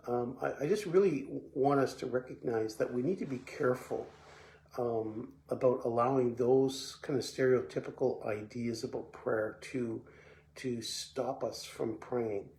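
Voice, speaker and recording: A man from Belgium giving a short, relaxed devotional talk as a pastor, often repeating words and pausing with fillers. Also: mid-range voice, gravelly. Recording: echoey room with faint background noise.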